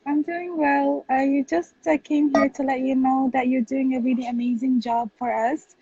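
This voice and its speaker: Somali woman calling in on a live, earnest and halting, kinda high voice, muffled sound. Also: steady tone, warm tone, breathy edge. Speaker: caller on a livestream. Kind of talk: casual chat. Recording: muffled lo-fi call audio.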